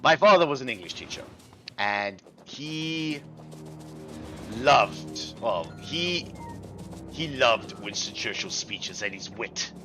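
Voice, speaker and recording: A man streaming a video game, chatting casually in a playful, theatrical, mock-gentlemanly way. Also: mid-range voice, lively intonation, takes it slowly, faint music behind. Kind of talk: casual gaming commentary.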